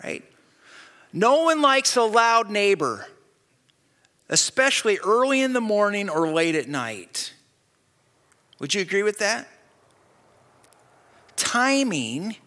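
An older man delivers a sermon with a bright, forceful edge and a lively, swinging pitch. His preaching is conversational, full of direct asides to the congregation. A long hall reverb trails behind him. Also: slow, pauses often. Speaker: pastor.

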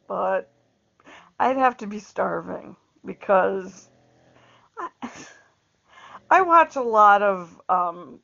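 A vlogger in middle age chats aimlessly, laughing often and repeating herself. Her voice is mid-range and fairly bright, with vocal fry, recorded in dull lo-fi quality for this casual monologue.

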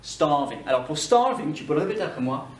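A man teaching English vocabulary to French speakers in a video lesson, saying each word slowly and having the viewer repeat it. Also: on the high side, big pitch swings, reverberant, distant mic. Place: building with a corridor.

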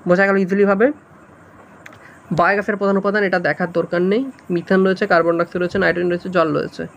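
High-voiced man teaching an exam lesson. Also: flat delivery, rapid-fire, vocal fry, dull audio. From West Bengal. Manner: explains step by step, keeps checking in with students. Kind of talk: exam-prep lesson going through multiple-choice answers.

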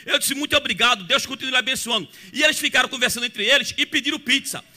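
A man with a Pernambuco accent, a gospel singer telling a lively testimony in church that breaks into singing and shouted praise, with music behind him. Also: extremely high pitch, fast talker. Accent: Pernambuco Brazilian Portuguese.

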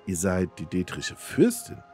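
A man's voice: low voice, huge pitch swings, measured pace, darkish tone, faint music behind, full character voice. A man voicing an eager young noble wanderer who seeks power, in a slightly raised, earnest, pleading voice. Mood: startled.

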